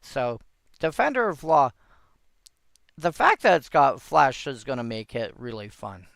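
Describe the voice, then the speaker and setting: A man talks slowly, with a gravelly edge under a smooth, resonant voice. He thinks aloud in a rambling way, often restarting his sentences. The sound is dry and close. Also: medium pitch, sing-song, a bit bright, no echo. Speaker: host reviewing old game cards. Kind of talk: casual solo commentary.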